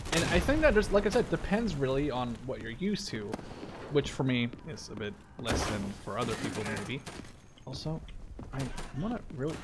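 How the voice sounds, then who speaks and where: A medium-pitched man gives casual, rambling gameplay commentary as a gaming YouTuber and easily wanders off topic. Heavy background noise from a shooter game, with loud gunfire, artillery, and explosions, plays behind his voice.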